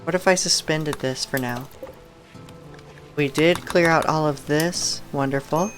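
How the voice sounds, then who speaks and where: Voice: mid-range voice, unhurried, faint music behind. A live streamer giving casual gameplay commentary, musing aloud and thinking through each choice.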